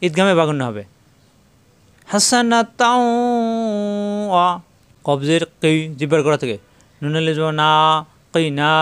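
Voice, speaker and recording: A man leads a tajweed lesson, sounding out letters one by one before chanting whole verses slowly. His voice is smooth and resonant and sits a little high. The recording is close and dry. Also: fairly bright tone, no room sound. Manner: spells out letters and vowels step by step, then chants verses slowly. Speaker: Quran recitation teacher.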